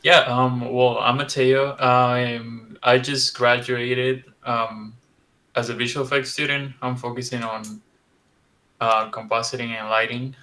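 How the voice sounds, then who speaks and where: A man's voice: medium pitch, flat delivery, a little slow, sharp tone. A young man from Ecuador, a recent graduate, giving brief, hesitant answers as a guest. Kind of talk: casual interview answers.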